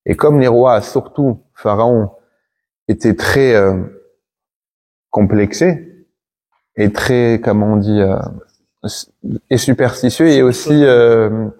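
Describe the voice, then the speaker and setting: A rabbi, a man, talks through a Torah lesson in a warm, mellow voice at an ordinary pitch. He tells it casually and pauses to hunt for the right word. His tone is relaxed and unhurried. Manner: pauses and searches for words aloud; relaxed conversational telling.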